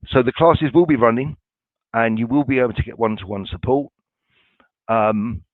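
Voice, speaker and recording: Here a medium-pitched man from a college staff responds to viewer questions in a webinar, relaxed and reassuring though he ums and restarts often. The sound is dry and tinny, like a phone, with no echo.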